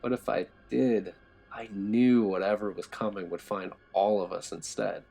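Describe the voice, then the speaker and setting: A man narrating a horror story in a low, tense storytelling manner. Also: fairly even intonation, a little slow, vocal fry, warm tone.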